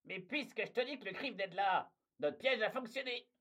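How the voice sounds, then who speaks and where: A woman's voice: medium pitch, animated, normal speed, a bit bright, breathy edge. A woman voicing a boastful male hunter who insists his trap has worked, heard from a distance. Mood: insistent.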